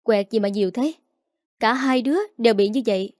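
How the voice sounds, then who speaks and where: A woman reading a storybook, voicing a young mother who demands answers quickly. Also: fairly high pitch, a little mellow, no room sound, studio quality, close to an everyday voice. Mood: angry. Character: angry young mother protecting her children.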